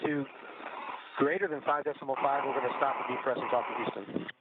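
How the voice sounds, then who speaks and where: A man's voice: mid-range voice, steady tone, fast. A man reading checklist steps as a spacewalk crew member, heard over a crackly space-to-ground radio link. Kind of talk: procedural radio callouts. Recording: tinny radio link with static.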